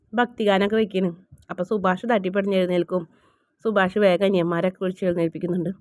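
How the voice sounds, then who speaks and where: A woman recaps a TV serial episode in a rush of casual, filler-laden storytelling. Her voice sits at an ordinary pitch, and the sound is dry and close. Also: darkish tone, no room sound. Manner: rapid, colloquial storytelling with many fillers.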